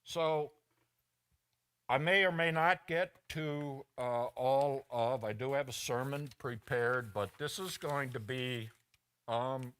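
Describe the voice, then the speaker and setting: A man's voice: mid-range voice, steady tone, slow, fairly bright tone, clear, resonant tone. A middle-aged man preaching a personal, story-driven sermon as a pastor in a church, acting out the voices of people he quotes. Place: church sanctuary.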